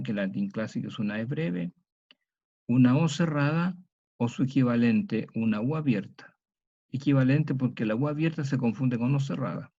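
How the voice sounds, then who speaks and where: Male lecturer, dark gravelly voice, methodical delivery, lo-fi recording. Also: medium pitch. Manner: slow, methodical, spells out sounds and examples. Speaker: teacher. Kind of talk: historical grammar lecture. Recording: dull lo-fi recording.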